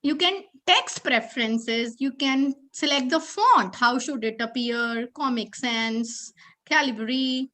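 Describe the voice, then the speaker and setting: Bright high-voiced Indian woman teaching. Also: takes it slowly. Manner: explains patiently step by step, checks in often. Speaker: teacher training presenter. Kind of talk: online teaching demo. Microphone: video call.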